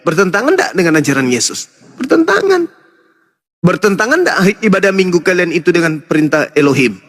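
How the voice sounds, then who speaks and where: A man's voice: a little high, very animated, fast talker, fairly bright tone, long reverb tail. A man debating heatedly over religion, lecturing in long repeated runs and mocking his opponent.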